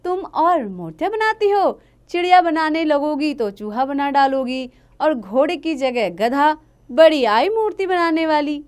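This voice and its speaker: A woman's voice: sits high, expressive, unhurried, pitched above the performer's own voice. A woman reading the part of a stubborn, scolding village potter father who coughs. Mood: stern scolding. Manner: gruff, scolding.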